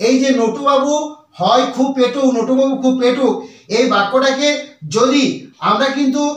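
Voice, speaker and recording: A man, teaching English translation slowly, repeating himself and spelling words out letter by letter. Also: very high-pitched, fairly bright tone, heavy reverb, recorded from a distance.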